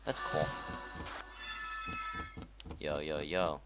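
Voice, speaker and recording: A man's voice: extremely low pitch, fairly even intonation, very slow, loud music behind the voice. A young man rambling and swearing casually while playing a video game, poking fun at his own voice acting. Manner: profane, rambling, self-deprecating. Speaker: gamer. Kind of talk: casual gameplay commentary.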